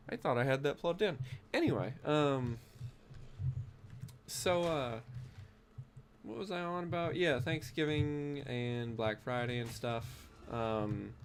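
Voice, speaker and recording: There's a faint hiss or hum behind this young man from the United States, who sounds congested as he talks in a mid-range voice on his gaming stream. His chat is casual and rambling, packed with fillers.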